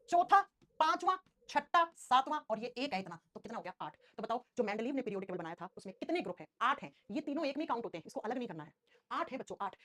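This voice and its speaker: A woman teaching a live online class at a rapid clip, her voice high and bouncing all over. She keeps coaxing her students and fires quick questions at them. The sound is close and dry. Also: no echo.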